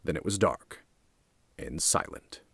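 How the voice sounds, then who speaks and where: A man's voice: very deep voice, takes it slowly, vocal fry, breathy edge, no room sound. A man reading a crime story aloud, narrating expressively. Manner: expressive, does many voices.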